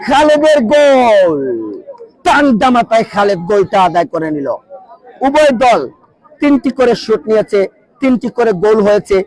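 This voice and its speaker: A man calls a local penalty shootout live from an outdoor ground. He keeps repeating players' names and nicknames, and he breaks into shouts each time a goal goes in. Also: extremely high pitch, poor audio. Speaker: football commentator. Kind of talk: live sports commentary.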